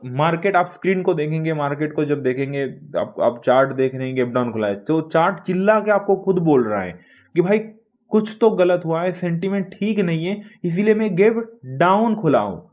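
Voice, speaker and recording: A man's voice: on the high side, lo-fi sound. A man giving a casual talk that analyses the stock market, chatty and repeatedly addressing his viewers as friends.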